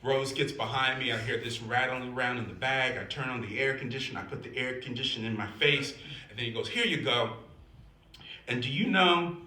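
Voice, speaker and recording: An older man doing stand-up comedy, animated, shifting between loud laughing punchlines and quiet somber asides. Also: mid-range voice, fast. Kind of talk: stand-up storytelling. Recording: echoey room with faint noise.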